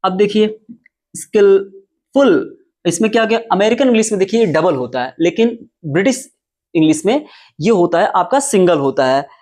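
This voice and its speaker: A man teaching English at a whiteboard who explains step by step, spells words out letter by letter and repeats them slowly. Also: sits high, lively intonation, darkish tone. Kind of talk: whiteboard lesson. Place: classroom with whiteboard.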